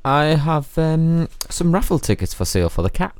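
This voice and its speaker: An English man co-presenting a community radio show, good-humoured and rambling with halting restarts. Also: on the high side, big pitch swings, darkish tone, no room sound. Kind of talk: casual radio banter.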